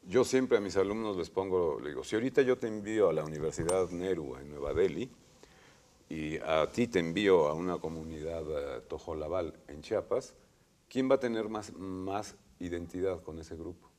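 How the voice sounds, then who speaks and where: Deep-voiced Mexican man, emphatic panelist. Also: moderate pace, darkish tone. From Puebla, Mexico. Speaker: academic panelist. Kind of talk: panel discussion.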